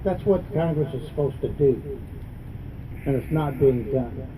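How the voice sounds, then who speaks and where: A man delivers a political stump speech in a medium-pitched voice. He is adamant and plain-spoken, hammering points home through repetition. The microphone sits at a distance, with clear vehicle noise around him. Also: measured pace. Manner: adamant, plain-spoken, repeating phrases for emphasis. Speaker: congressional candidate and veterans advocate. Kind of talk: campaign speech at a news conference.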